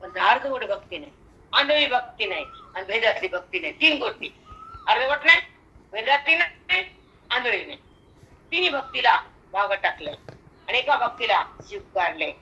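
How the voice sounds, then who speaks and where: An older woman with a Marathi accent giving a devotional discourse on scripture, slowly chanting verses and then explaining them in lively spoken asides. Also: fairly high pitch, dull audio, a little hiss or hum. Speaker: spiritual teacher expounding scripture.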